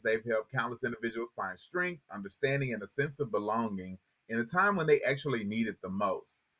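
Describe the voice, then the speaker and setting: A man's voice: medium pitch, fairly bright tone. A man hosting a podcast interview, reading an introduction and asking questions in an upbeat, welcoming way. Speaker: podcast host.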